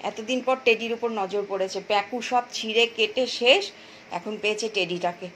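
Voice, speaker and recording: A woman's voice: mid-range voice, normal speed, fairly bright tone, a little hiss or hum, low-quality recording. A woman with a Bengali accent chatting to her pet dogs and her viewers in a coaxing, sing-song voice. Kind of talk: casual chat to pets and viewers.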